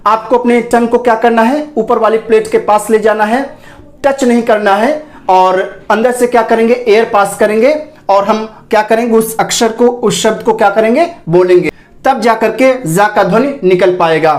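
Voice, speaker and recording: A man runs an online pronunciation class in a patient, methodical way. He asks rhetorical questions, answers them himself and says each target sound over and over, slowly. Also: sits high. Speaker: English pronunciation teacher.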